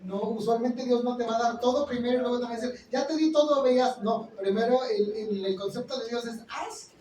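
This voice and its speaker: A man's voice: very high-pitched, quick pace. Man preaching in an echoey hall. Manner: animated preaching with exclamations. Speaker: pastor. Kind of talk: sermon. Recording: echoey room, speaker far from mic, faint noise.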